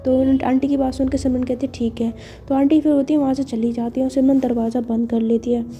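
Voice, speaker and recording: A woman's voice: high-pitched, level tone, quick pace, dark tone, faint music behind. A woman telling a romance story in a chatty, casual way, full of fillers.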